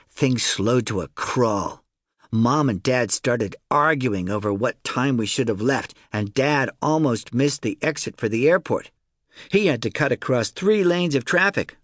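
An audiobook narrator, male with a mid-pitched voice, reads a first-person children's book in a chatty storytelling manner, his pitch swinging animatedly. The recording is close and dry, with no room sound or echo.

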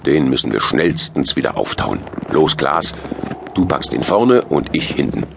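A fat, jolly Santa Claus, as a male storyteller puts him on, with a very deep, gravelly voice. He grumbles and gives orders in a hearty tone and laughs at his friends. His delivery swings widely, as a figure in a children's audiobook. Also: big pitch swings, measured pace, noisy background, exaggerated voice.

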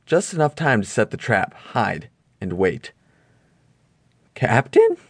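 A man reading an audiobook aloud in measured first-person storytelling narration. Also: lowish voice, very animated, dry recording. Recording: dry close studio recording.

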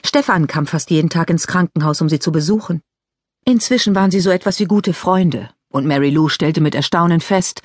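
A woman reads an audiobook aloud with a measured, even delivery. Her voice is slightly husky, recorded close and dry in a studio. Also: low voice, no room sound. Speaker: audiobook narrator. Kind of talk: scripted narration.

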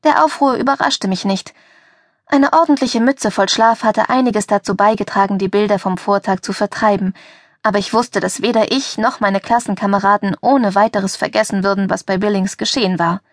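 Young adult female audiobook narrator, mid-pitched, dry close booth sound, lively first-person read. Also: normal speed, no room sound. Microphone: close studio mic.

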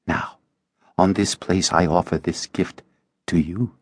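A man's voice: sits low, steady tone, measured pace, no room sound, studio quality. A man voicing a seductive, cold female vampire demon who speaks in a silky, taunting way.

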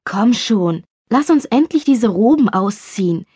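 An eager young best friend from a romance audiobook, read by a woman narrator. She talks fast and lightly, with a husky edge, in a dry, close sound. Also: fairly high pitch, animated, mellow, no echo. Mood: eager, pouting.

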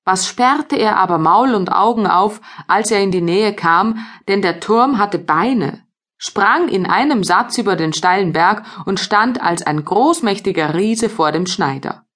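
A woman narrating a fairy tale audiobook for children in a lively storytelling manner. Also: mid-range voice, unhurried.

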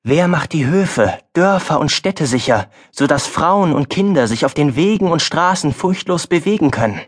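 A man's voice: a little high, animated, moderate pace, voice pushed up. A male audiobook narrator voicing a farm boy's stern, wise mother, speaking firmly and earnestly. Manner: firm, earnest, then softer.

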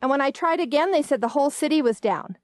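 A woman doing a shrill, indignant grown daughter. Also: expressive, fast talker, darkish tone, dry recording, clean studio sound. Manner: outraged, complaining.

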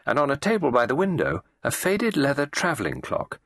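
A man reading a classic mystery as an audiobook narrator, measured and expressive. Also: mid-range voice, dry recording.

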